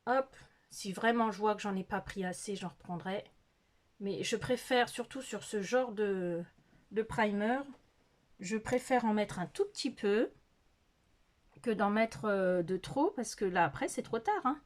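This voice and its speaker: In an unhurried, animated, medium-pitched voice, a middle-aged beauty vlogger talks through her makeup routine in the bedroom. Her phone-recorded chat is hesitant and full of fillers, punctuated by self-directed laughter.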